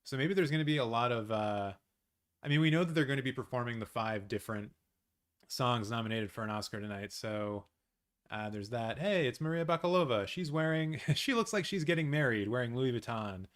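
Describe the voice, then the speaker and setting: A man from Canada hosting a live awards watch-along from his apartment, chatting casually and answering viewer comments with excitable, rambling asides. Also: mid-range voice, brisk. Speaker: live-stream host.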